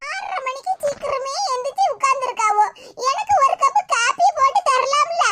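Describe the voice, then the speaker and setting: Woman doing a squeaky whiny young daughter, cartoon, heavy hiss. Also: expressive, normal speed. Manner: whining, complaining. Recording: loud background hiss.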